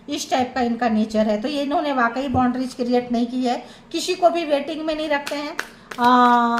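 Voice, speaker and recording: A woman with a high voice gives a tarot reading for her viewers. She stresses her points and stacks short repeated phrases one after another. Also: a little hiss or hum. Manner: emphatic, listing feelings in short repeated phrases. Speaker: tarot reader.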